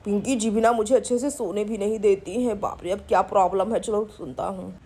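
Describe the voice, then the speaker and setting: Woman putting on a gruff grumbling village uncle. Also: mid-range voice, fairly even intonation, brisk, warm tone, voice pushed down. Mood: grumpy. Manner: grumbling, sleepy and bossy. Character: gruff grumpy middle-aged village uncle. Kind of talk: doll story voice acting.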